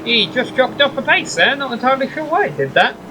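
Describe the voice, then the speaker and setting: High, bright-voiced male race commentator. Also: sing-song, a little fast, a little hiss or hum, poor audio. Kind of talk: sim racing play-by-play commentary.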